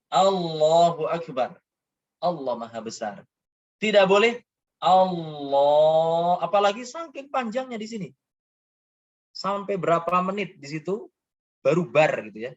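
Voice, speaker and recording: A man teaching an Islamic prayer lesson, stretching out chanted words to show right and wrong pronunciation and asking questions he then answers himself. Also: on the high side. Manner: drawn-out chanted demonstrations of correct and wrong pronunciation. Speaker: religious teacher. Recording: dull lo-fi sound.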